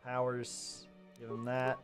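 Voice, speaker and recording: A man's voice: medium pitch, monotone, takes it slowly, music in the background. A man hosting a let's play, giving casual gameplay commentary in a playful way with stammering restarts.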